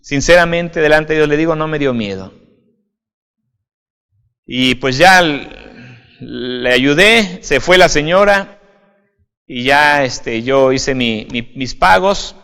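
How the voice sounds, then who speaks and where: Pastor in a reverberant hall. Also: male voice, fairly high pitch, expressive, takes it slowly, long pauses, pushed and bright, clear, resonant tone. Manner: conversational, often adds "right?", addresses listener as "usted". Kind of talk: informal video sermon.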